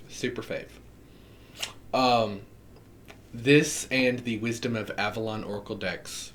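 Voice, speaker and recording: A man's voice: medium pitch, fairly bright tone, slight background noise. A man with a Southern US accent, chatting enthusiastically as he unboxes a tarot deck and laughs often. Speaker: tarot reader. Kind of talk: casual deck unboxing chat.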